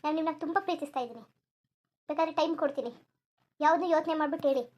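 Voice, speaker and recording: A woman's voice: high voice, rapid-fire, darkish tone, natural voice. A woman voicing a lovesick, clingy young woman in a cartoon, pleading and repeating herself insistently. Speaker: cartoon character. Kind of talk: Kannada cartoon voice acting.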